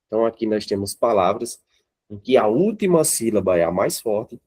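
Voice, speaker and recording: A man's voice: on the low side, very animated, moderate pace, a little mellow. A man with a Brazilian Portuguese accent teaching grammar to a class of students, often checking in with them and asking them questions.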